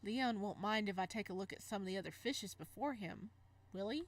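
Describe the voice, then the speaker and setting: In this let's play, a woman reads through a visual novel, tossing in casual reactions, giggling and stumbling now and then. Her voice sits mid-range and runs a little fast.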